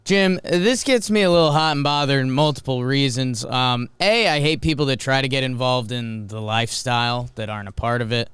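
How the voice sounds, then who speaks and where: A young man co-hosting a podcast, telling crude stories with animated swings into a higher voice. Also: fairly quick, hardly any pauses, clean tone, no room sound, clean studio sound. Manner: animated, crude, jumps into high excited tones. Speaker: podcast co-host. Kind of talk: casual comedic banter.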